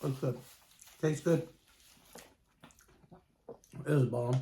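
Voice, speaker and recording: Very low-voiced woman chewing while talking. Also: steady tone, very slow, warm tone. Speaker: eating-show host. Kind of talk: casual mukbang chat while eating. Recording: roomy echo, faint background noise.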